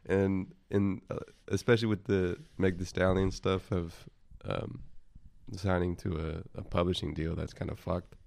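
Here a young man with a deep, darkish voice and vocal fry co-hosts a podcast at a measured pace, his intonation fairly even. The chat is casual; he rambles, swears, and lets thoughts trail off midway.

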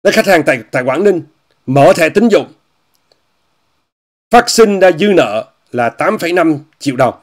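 A man delivers a casual commentary monologue in a somewhat high voice. He speaks straight to his viewers, repeats his phrases and mocks what he discusses. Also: animated, unhurried, long pauses. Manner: repetitive, often repeats phrases and says "quý vị" often; scornful, mocking tone. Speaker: commentator hosting an online talk show.

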